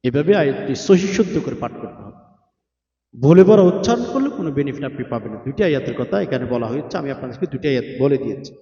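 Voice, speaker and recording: A man's voice: mid-range voice, lively intonation, dark tone. A man preaching, chanting prayers in long melodic phrases and explaining them in a sermon. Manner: melodic drawn-out chanting, then rapid explaining. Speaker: Islamic preacher. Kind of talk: chanted Quranic recitation and sermon. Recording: echoey distant lo-fi recording with faint music.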